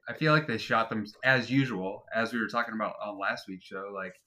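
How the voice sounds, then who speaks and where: A man's voice: on the low side, a little fast, sharp tone. A man co-hosting a casual gaming podcast, laid-back and loose, swearing casually and using lots of fillers. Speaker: podcast co-host. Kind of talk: casual chat.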